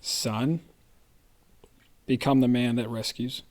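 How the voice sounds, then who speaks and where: A man co-hosts a casual faith podcast and speaks firmly. He drops preacherly asides to the listeners. His pitch sits in an ordinary middle range. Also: level tone, slow, darkish tone. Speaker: podcast co-host.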